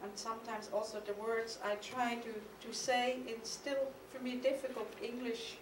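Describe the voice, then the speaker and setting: A middle-aged woman with a German accent, an artist, reads a prepared, partly poetic lecture at a conference from a podium on the stage of a mid-sized studio hall, her voice a little high with little pitch movement. Her reading is measured and reflective, with some hesitations. The podium mic on a stand catches her, but the recording comes from the camera's distance in an echoey hall with a noisy background.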